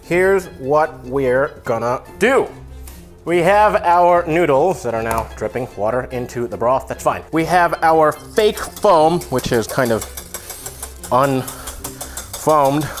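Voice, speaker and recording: A man with a fairly high voice hosts a casual cooking demonstration over faint music. He rambles as he goes, dropping offhand, self-deprecating asides. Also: expressive, slow pace. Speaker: host of a comedy cooking video.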